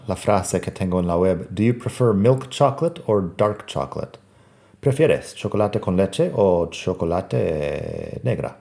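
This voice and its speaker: Slow, deep-voiced male pronunciation teacher. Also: mellow. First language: English. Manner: repeats English words slowly to model pronunciation. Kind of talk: podcast language lesson.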